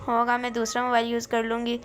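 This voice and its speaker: A woman's voice: on the high side, monotone, quick pace, natural voice. Woman reading as an eager, stubborn young girl. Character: stubborn teenage girl student, playful.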